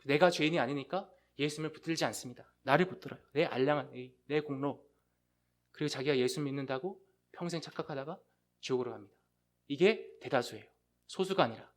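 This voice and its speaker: A middle-aged male pastor preaching a sermon with passion, swinging from hushed, low lines to loud, rising appeals. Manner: impassioned preaching with sharp rises and hushed drops.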